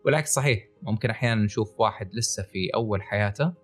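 A man with a Saudi Gulf Arabic accent co-hosts a health podcast, explaining things in a conversational way; he is a writer and wellness coach. His voice is fairly low-pitched and racing, with faint music behind.

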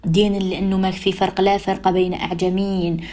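A woman's voice: medium pitch, level tone, quick pace, warm tone. A woman radio host with an Algerian Arabic accent giving an emphatic, repetitive, admonishing advice monologue. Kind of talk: advice monologue on social behavior.

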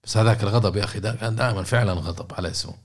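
A man's voice: fairly low pitch, racing. A man giving a casual coaching talk, repeating words and checking in with listeners by asking questions. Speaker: podcast host and coach.

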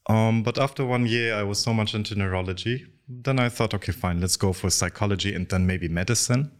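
A man in his thirties with a Dutch accent, a clinical psychologist speaking thoughtfully, with pauses and restarts. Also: lowish voice. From Netherlands, raised in the UAE. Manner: thoughtful, frequent ums and restarts. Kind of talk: interview conversation.

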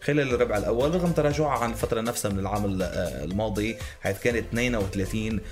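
A man's voice: lowish voice, rapid-fire. A man with a Lebanese accent co-hosting a radio morning show in upbeat, emphatic banter. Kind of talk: lively radio banter and promotion. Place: radio studio. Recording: music bed behind the voice.

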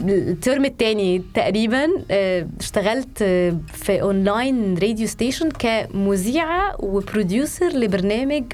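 Egyptian woman, thirties, Arabic peppered with English terms, fast talker, music in the recording, interview style. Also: mid-range voice, a little mellow. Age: 30s. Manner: mixes English words and phrases into Arabic. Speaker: podcast guest, journalist and producer. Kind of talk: conversational interview. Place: studio.

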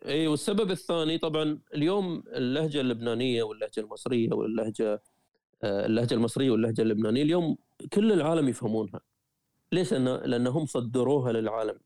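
A man with a Gulf Arabic accent from Qatar, a traveler and writer talking as an interview guest, telling stories in a lively way with frequent restarts. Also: mid-range voice, racing, no room sound, clean studio sound. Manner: lively storyteller, frequent self-corrections and restarts. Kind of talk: conversational interview.

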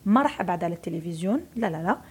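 This woman speaks at a racing pace in an expressive, lowish voice that's a little mellow and slightly rough. An Algerian media personality in her thirties with an Algerian Arabic accent, she's a guest in a casual interview, stressing points emphatically through repetition.

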